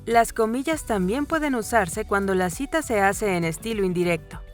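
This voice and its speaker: A woman reading a scripted grammar lesson in a calm, even voice with clear pauses. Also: medium pitch. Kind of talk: scripted educational narration. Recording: voice-over with faint background music.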